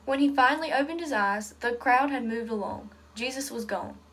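A woman with a fairly high voice reads a children's story aloud. Her delivery is earnest and steady. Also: normal speed. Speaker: reader.

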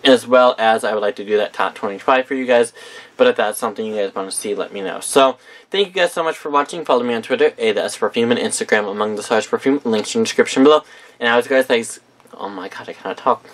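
A man's voice: mid-range voice, fast. A man reviewing perfumes in a casual vlog, chatty and enthusiastic with frequent ums, and he has the hiccups.

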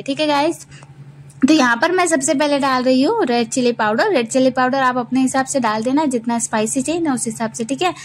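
A woman's voice: fairly high pitch, slight background noise. Chatty woman hosting a cooking channel. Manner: chatty, repeats "theek hai guys" and "na". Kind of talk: step-by-step recipe voice-over. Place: home kitchen.

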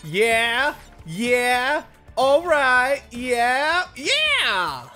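Casual let's-play banter, excitable gamer, unhurried delivery, bright forward tone, stammering restarts, sudden shouts. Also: high voice, soft background music. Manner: excitable, jokey, breaks into shouted outbursts; stammering restarts and trailing fillers. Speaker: co-op game player.

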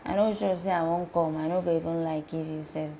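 A woman's voice: sits low, fairly even intonation, brisk, mellow, slight background noise. An actress playing a sassy young woman who works in a shop, teasing in Nigerian Pidgin. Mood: coy. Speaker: shop worker. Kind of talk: Nollywood film acting.

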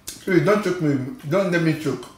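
A man's voice: fairly high pitch, moderate pace, roomy sound, a little hiss or hum. A man with a Nigerian accent chatting over a meal with his mouth full of food, teasing as he chews. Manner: teasing, talks while chewing. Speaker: mukbang co-host. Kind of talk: casual chat over a meal.

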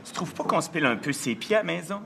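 An actor playing a timid, hesitant grown son with a Quebec French accent, halting and nervous in a sitcom. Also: male voice, a little high, lively intonation, gravelly, fairly bright tone, a little hiss or hum.

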